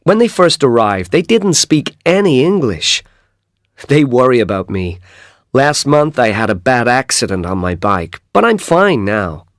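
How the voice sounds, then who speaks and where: An actor voicing an upbeat young bike messenger, talking in a clear, lively way in a scripted coursebook monologue. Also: male voice, mid-range voice, a little slow, no room sound, clean studio sound. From Canada. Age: young adult. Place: dry studio booth.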